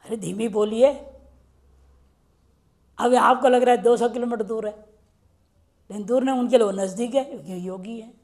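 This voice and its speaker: Lecturing on grammar, a woman whose somewhat high voice is a little mellow quizzes her students and then drops to a slow, word-by-word chant of the Sanskrit rules.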